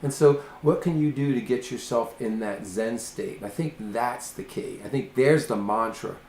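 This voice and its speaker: A man's voice: mid-range voice, normal speed, darkish tone. A man coaching a younger woman in a casual conversation, earnest and emphatic, sometimes acting out quoted voices. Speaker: host, life coach. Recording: roomy, faint ambient noise.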